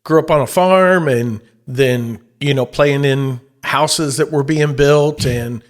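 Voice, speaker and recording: A middle-aged man, a professional Santa and auctioneer, telling his story in an easygoing, casual interview. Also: medium pitch. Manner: easygoing storyteller, breaks into quick auctioneer chant.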